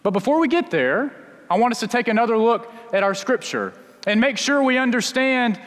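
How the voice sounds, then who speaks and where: A man preaching in a church sanctuary, his voice notably high for a man. He tells his story in a loose, conversational sermon style, often restarting sentences. The room gives his voice a long, echoing reverb. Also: lively intonation, a little fast, a bit bright. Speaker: pastor.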